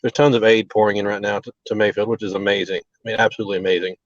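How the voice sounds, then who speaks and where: Low, flat man on a breaking-up call. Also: no echo. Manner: halting, filler-heavy, earnest. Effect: choppy, breaking-up call connection. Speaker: restaurant owner. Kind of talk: live remote interview. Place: outdoors near a relief center. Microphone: video call over a bad mobile connection. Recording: dull lo-fi call audio, very dry.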